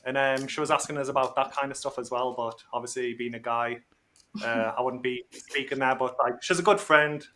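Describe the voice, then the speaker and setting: A man's voice: mid-range voice, steady tone, fairly quick, a bit bright. A man chatting casually as a guest on a livestream call, informal and slangy, talking like he is among mates. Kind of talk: casual chat. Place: remote video or voice call.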